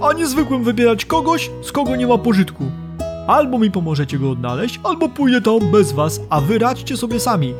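A man's voice: very high voice, big pitch swings, fairly quick, music in the background, voice pushed up. A man reading aloud as a stern old male wizard who scolds his companions. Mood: angry.

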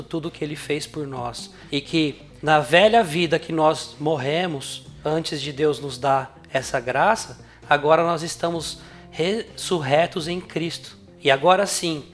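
A man speaking through a voice changer with a Brazilian Portuguese accent, an earnest podcast co-host reflecting on faith. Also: fairly high pitch. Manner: earnest, emphatic repetition. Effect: voice changer, altered voice.

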